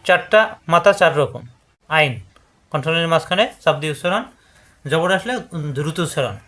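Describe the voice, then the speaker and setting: A man with a slightly high voice teaching Quran letter sounds one step at a time. He chants each syllable over and over in set patterns. He stops to correct wrong forms and speaks straight to the viewers. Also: fairly quick, fairly bright tone. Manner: addresses viewers directly with instructions. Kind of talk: step-by-step letter pronunciation lesson.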